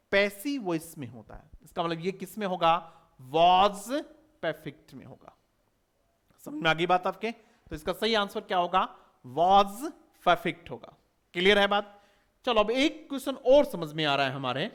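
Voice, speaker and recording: A man's voice: high voice, fairly bright tone. A man giving an exam-prep English lecture, spelling words out and firing rhetorical questions at students. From India. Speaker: English teacher.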